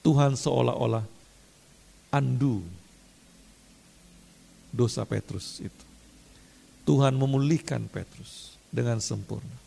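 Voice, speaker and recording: Gravelly preacher in a reverberant hall. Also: male voice, medium pitch. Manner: casual preaching, mixes in English phrases, rises to loud emphatic runs. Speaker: pastor. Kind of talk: sermon.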